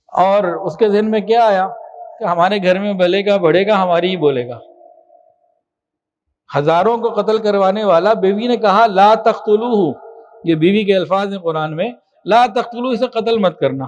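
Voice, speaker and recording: A man preaching a sermon with passion, moving between soft explanation and loud emphasis. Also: high voice, lo-fi sound, a little hiss or hum. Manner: impassioned, swings from soft to loud with chanted Quran recitation.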